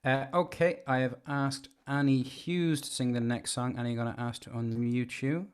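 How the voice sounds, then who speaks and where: A man with a Dublin accent hosting an online singing session over a video call, chatting in a quick, friendly way. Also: medium pitch, steady tone, clean tone. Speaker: host.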